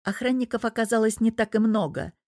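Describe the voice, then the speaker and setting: A woman narrating an audiobook in a steady storytelling manner. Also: on the high side, fairly quick, no room sound, clean studio sound.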